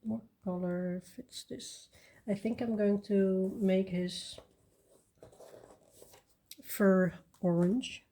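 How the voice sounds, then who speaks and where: A woman chatting casually while she colors, soft-spoken and rambling with fillers and restarts. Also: mid-range voice, steady tone, very slow, pauses often. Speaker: coloring channel host.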